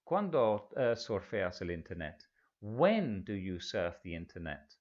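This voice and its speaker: A man teaching a language lesson, patiently drilling example phrases and repeating them slowly. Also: lowish voice, sing-song, darkish tone, lo-fi sound. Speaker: English teacher. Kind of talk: language lesson explaining in Spanish.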